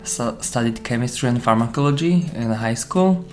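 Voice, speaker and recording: A man's voice: medium pitch, normal speed, faint music behind. Slovak-born man, personal trainer. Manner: non-native phrasing, thoughtful with many fillers. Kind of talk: interview storytelling.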